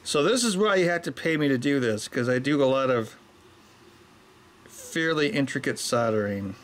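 Working away at his bench, this middle-aged electronics maker and show host explains his soldering casually, often wandering into jokes. He has a mid-range, expressive voice and speaks at a normal speed.

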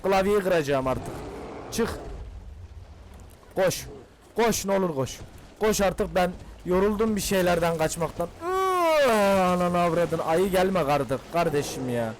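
An excitable young man talks through his gameplay, cursing and pleading with the characters on screen. His voice sits high for a man. Faint noise runs under the recording. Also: moderate pace. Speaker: gaming channel host. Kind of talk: casual gameplay commentary.

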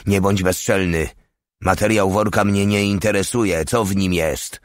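A man's voice: low-pitched, steady tone, measured pace, no echo, pitched above the performer's own voice. A man reading an audiobook voices a bossy, arrogant male army sergeant who barks orders. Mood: snapping. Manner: barking, shouting orders.

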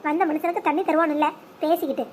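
A woman's voice: high-pitched, steady tone, rapid-fire, very noisy, natural voice. A woman voicing a stubborn young husband in a cartoon who gives curt orders. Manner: curt, commanding.

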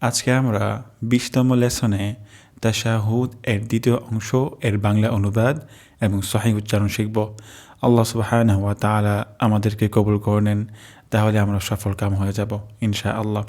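A man teaching a pronunciation lesson, who slowly draws out each syllable as he models the sounds. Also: fairly low pitch, little pitch movement, darkish tone. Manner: slow, careful instruction.

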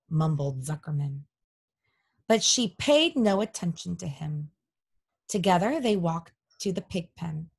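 A woman reading a children's storybook aloud, narrating gently and expressively. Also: lowish voice, breathy edge. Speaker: audiobook reader.

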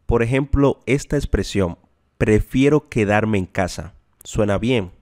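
Male teacher, slow careful delivery, dark mellow tone, dry close sound, repeats phrases. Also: fairly low pitch, expressive, no echo. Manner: slow, repeats example sentences. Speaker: English teacher. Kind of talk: language lesson.

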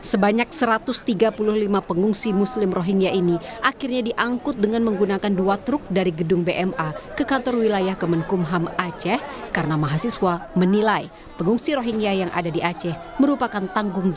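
A woman field reporter, reading a news report in a steady, formal voice. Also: medium pitch, brisk, over music, crowd noise.

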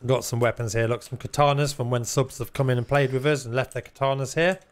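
A man's voice: mid-range voice, fairly even intonation, fast. A man giving casual, chatty live gameplay commentary with some teasing. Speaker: game streamer.

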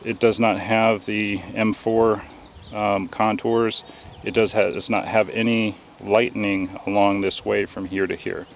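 Male reviewer, lowish voice, relaxed and halting, dull lo-fi outdoor audio with faint crickets. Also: creaky, a little hiss or hum. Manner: relaxed, hesitant, many ums and uhs. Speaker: gun reviewer. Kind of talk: casual product review.

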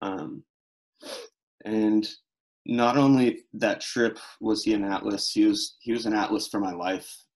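A young man giving a solemn, halting, unprepared memorial tribute over a video call. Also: fairly low pitch, steady tone, a little mellow, poor audio. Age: young adult. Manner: solemn, halting, struggling to speak. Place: small room at home, indoors. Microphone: video call, computer microphone.

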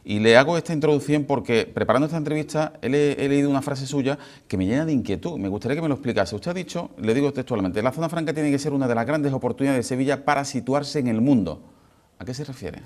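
Male TV interviewer, thirties, brisk delivery at medium pitch, courteous and formal. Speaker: TV interviewer, host. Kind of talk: formal television interview questioning. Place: TV studio, indoors. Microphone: lapel mic.

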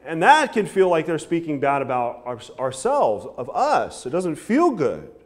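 A pastor in his thirties preaches an evening sermon from a church pulpit in a slightly high voice at a somewhat slow pace. He's animated, gesturing with his hands and frequently throwing in "right?"

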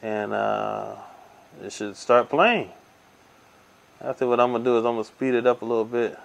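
An easygoing man narrates a hands-on tech demo at a table by the window. His voice sits in an ordinary middle range, and he walks through each step slowly with plenty of ums and uhs, as heard through a camera mic. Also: mid-range voice, gravelly. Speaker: tech reviewer. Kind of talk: casual hands-on product demo. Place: indoors at a table by window blinds.

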